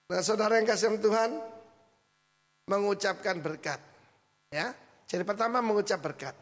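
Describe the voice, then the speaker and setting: A middle-aged male pastor preaching a sermon, telling a story with a lively manner and frequent asides to the congregation. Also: high voice, normal speed. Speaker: senior pastor. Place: church hall. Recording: hall reverb with mains hum.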